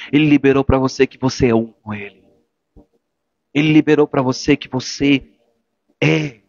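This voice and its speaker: A man preaching a sermon as a pastor, swinging between forceful exhortation and hushed, intimate speech. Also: mid-range voice, dry recording. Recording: dull lo-fi church recording with faint music.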